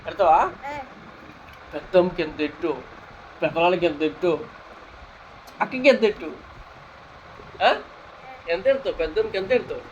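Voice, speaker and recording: A woman's voice: lowish voice, normal speed, pauses often, a little mellow, muffled recording, a little hiss or hum. A woman in casual family chat, coaxing a small child and repeating her questions.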